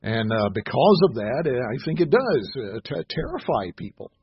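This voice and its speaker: Husky-voiced man preaching, halting and unhurried. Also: mid-range voice, very animated, dull audio. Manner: halting, many "uh" fillers and restarts; reads scripture aloud slowly with emphasis. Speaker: pastor. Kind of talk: sermon.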